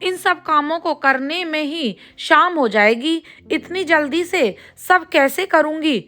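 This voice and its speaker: A woman voicing a gentle, meek young daughter-in-law in a storybook tale, speaking in a soft, pleading way. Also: sits high, animated, slow pace, full character voice. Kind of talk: storybook voice acting.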